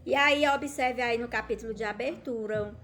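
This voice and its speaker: Female teacher, Brazilian accent, slightly high pitch. Patient and slow, asks questions, stretches words for emphasis. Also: a bit bright, slight background noise. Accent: Brazilian Portuguese. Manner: patient, checks in often with "tá certo?"; stretches words slowly to show stress. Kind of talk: recorded remote lesson for children.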